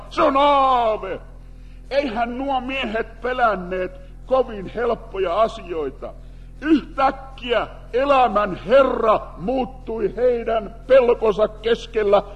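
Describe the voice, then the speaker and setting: A man preaching an animated sermon in speech, calling out to the congregation and bringing them in. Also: very high voice. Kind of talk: lively sermon with audience participation. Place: church hall. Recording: long hall reverb.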